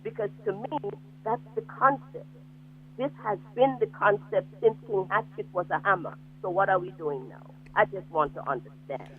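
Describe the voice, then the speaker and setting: A man's voice: high-pitched, normal speed, husky. A man calling in to a radio show over a phone line, making his point emphatically and insistently. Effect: speaking over a phone line. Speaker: radio caller. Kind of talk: call-in opinion. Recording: tinny muffled phone line.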